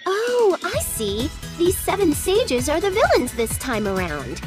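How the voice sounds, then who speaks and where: A bubbly, cheeky anime game girl with a very high, swooping voice. She is scatterbrained, breezy and dramatic. Loud music runs underneath. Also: wildly swooping pitch, a little slow, heavily acted. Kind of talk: scripted anime game voice acting.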